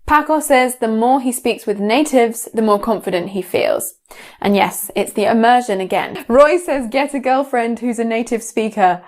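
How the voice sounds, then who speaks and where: A woman's voice: on the high side, normal speed, a little mellow. A woman speaking to camera as a teacher, chatty and laughing lightly between points. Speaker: English teacher. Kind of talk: direct-to-camera lesson.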